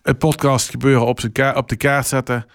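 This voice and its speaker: A man's voice: mid-range voice, level tone, fairly quick, a bit bright, no echo. Limburg-accented man, close dry sound. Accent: Limburg Dutch. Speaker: local broadcaster, podcast guest. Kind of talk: conversational interview.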